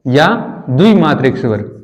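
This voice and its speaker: A man teaching a grammar lesson, asking the class questions and answering them himself, slowing down to sound out vowels one by one. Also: medium pitch, very animated. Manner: explains step by step, asks and answers his own questions.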